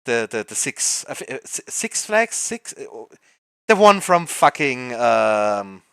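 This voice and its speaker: A man's voice: medium pitch, big pitch swings, a little slow, a bit bright, clear, resonant tone, dry recording. A man on a voice call, chatting loosely as game master while planning a tabletop game, swearing and tripping over his words.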